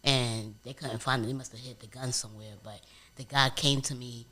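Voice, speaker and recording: Philly guy guesting on a couch show, bright punchy voice, animated, lots of slang. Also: medium pitch, fairly quick. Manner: animated storytelling, street slang. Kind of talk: casual couch interview.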